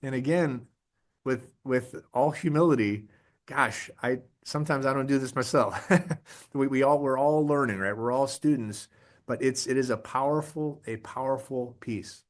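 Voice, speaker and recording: A man presenting a leadership webinar in a casual, energetic, conversational way, often restarting his sentences. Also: mid-range voice, unhurried. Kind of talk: casual motivational talk.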